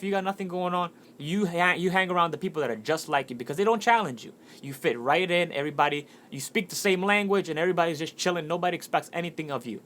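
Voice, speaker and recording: A man's voice: a little high, a bit bright. A man in his twenties talking casually and earnestly about motivation, telling a story with frequent restarts. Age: 20s. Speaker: motivational speaker.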